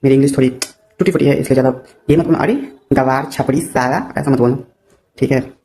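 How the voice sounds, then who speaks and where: Fast-talking, rambling young man vlogger. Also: mid-range voice, fairly even intonation, mellow, slight background noise. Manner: rambling, self-mocking, mixes English into Hindi; jokey, playful. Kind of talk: casual chat to camera.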